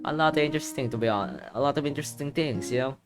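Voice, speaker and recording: With music playing behind him, this man delivers rapid-fire, playful commentary on a game in a mid-range voice. He's a gaming video creator who reads the story text out loud and bursts into excited reactions between passages, his voice somewhat worn and strained.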